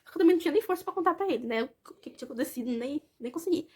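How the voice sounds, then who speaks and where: A woman's voice: sits high, expressive, rapid-fire, warm tone. A young woman from Brazil, a vlogger telling a personal story in a chatty way, talking straight to her viewers. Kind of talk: casual personal story to camera.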